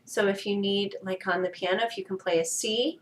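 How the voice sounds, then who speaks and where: A woman's voice: medium pitch, steady tone, a little fast, roomy sound, distant mic. A woman teaching a children's music lesson, explaining patiently step by step.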